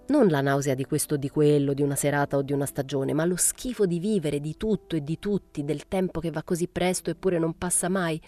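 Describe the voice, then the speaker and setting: Low, dark-voiced woman reading a novel. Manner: measured, understated first-person reading. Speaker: audiobook reader. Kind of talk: literary audiobook narration.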